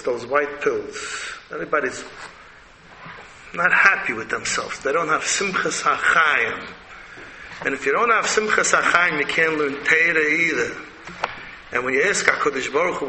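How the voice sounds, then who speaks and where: Bright, forceful Yiddish-accented man preaching in hall. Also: a little high. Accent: Yiddish-inflected American. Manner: emphatic, blunt, full of rhetorical questions. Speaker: rabbi giving a religious lecture. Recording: echoey hall with background noise.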